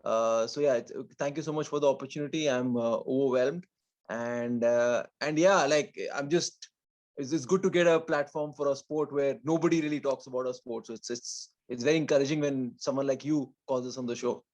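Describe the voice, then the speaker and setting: A man's voice: mid-range voice, brisk, a little mellow, muffled recording. A man with an educated Indian English accent, answering as a podcast guest in a modest, conversational way and telling personal stories casually. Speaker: podcast guest, martial arts athlete.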